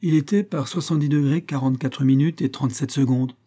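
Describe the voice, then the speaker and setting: A man reading aloud, voicing a composed male lieutenant who speaks in a measured, questioning way. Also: medium pitch, dark tone, voice pushed up, lightly acted. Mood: steady.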